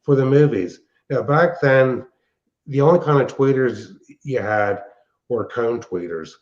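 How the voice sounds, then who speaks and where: Unhurried and animated, an older man with a mid-range voice rambles through casual technical explanations, the way a show host and hobbyist would. The sound is dull and band-limited.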